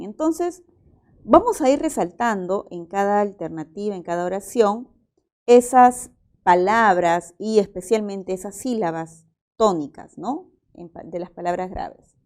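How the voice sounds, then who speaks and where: Slow methodical woman teacher. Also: mid-range voice, a little mellow. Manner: slow, methodical, works through each example aloud. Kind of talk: exam-prep language lesson.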